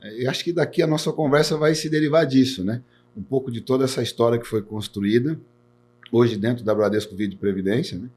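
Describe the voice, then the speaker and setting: In a fast, husky, slightly mellow voice of medium pitch, a Brazilian man in his forties who works as an insurance executive answers podcast interview questions earnestly. He tends to repeat words and keeps adding "né" to his sentences.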